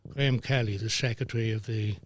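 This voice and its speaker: An older man, a former referee telling lively anecdotes as a guest, dropping into voices for the people he quotes. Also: lowish voice, fast, slight background noise. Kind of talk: anecdotal storytelling.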